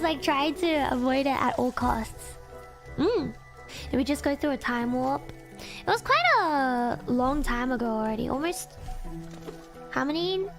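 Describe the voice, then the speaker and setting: Young female streamer, cute and girlish, high voice, relaxed livestream chat over music. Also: creaky. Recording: music playing behind the voice.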